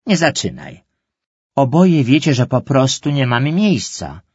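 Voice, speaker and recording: A man's voice: mid-range voice, huge pitch swings, unhurried, a little mellow, husky, dry recording, pitched above the performer's own voice, full character voice. Firm, practical mother, middle-aged, patient but weary; male narrator puts her on in a dull, dry storybook recording.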